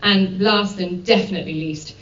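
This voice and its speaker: A woman moderating a panel, giving a formal introduction in a measured way with frequent ums and uhs. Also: mid-range voice, steady tone, fairly bright tone. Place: conference room. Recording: dull, echoey hall from far off.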